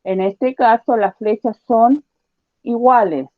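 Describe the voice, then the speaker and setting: A woman teacher giving a science lesson to children, patiently repeating her questions and slowly spelling out each point. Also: fairly high pitch, dry recording, narrow, tinny audio. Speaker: primary school teacher.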